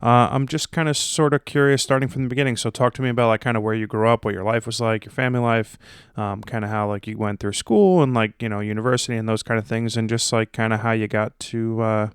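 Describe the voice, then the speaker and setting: A man hosting a podcast, asking long, rambling questions full of fillers in a relaxed, casual way. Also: on the low side, fast talker, clean tone, no echo, studio quality. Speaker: podcast host. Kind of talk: casual interview chat.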